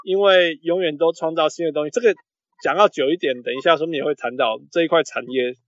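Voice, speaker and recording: A man's voice: fairly high pitch, fast, a bit bright. A man hosting a casual sports podcast, slipping English phrases into his Mandarin and repeating words as he searches for terms. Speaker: podcast host. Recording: muffled, roomy lo-fi podcast audio.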